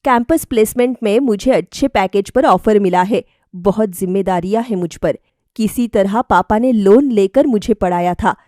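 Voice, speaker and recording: A woman voices a mild, dutiful young man from a cartoon moral story, lightly acted in a mid-range voice with a dark tone. Her delivery is sincere and measured, slightly hesitant. The recording is dry and close, with no room sound.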